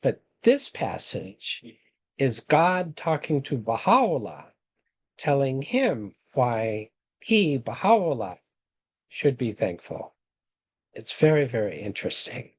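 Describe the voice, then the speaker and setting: A man presenting a webinar, reading scripture passages aloud in a measured, deliberate way and explaining them. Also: mid-range voice, sing-song, husky, poor audio. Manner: measured, reads quotations slowly and deliberately.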